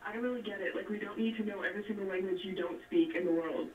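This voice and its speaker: A man's voice: sits high, fairly even intonation, quick pace. A man calling in to a radio show and heckling the host bluntly, heard through a speakerphone. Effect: heard over a speakerphone. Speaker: caller. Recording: tinny, distant, echoey speakerphone with faint hum.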